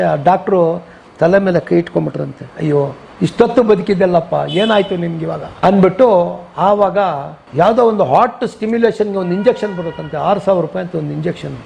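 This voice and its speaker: An older man with a Kannada accent, a retired police officer telling his story in an interview, vivid and animated, acting out what was said. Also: high-pitched, a little fast, gravelly, a little hiss or hum. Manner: vivid retelling, switches into English quotes.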